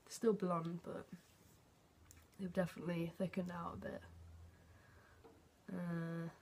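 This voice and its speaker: A young man recording a casual video diary at home, halting and hesitant, often trailing off into a near-whisper at the ends of his phrases. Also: high-pitched, level tone, slight background noise. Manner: hesitant, halting, with many fillers and restarts. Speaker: vlogger. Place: at home, indoors.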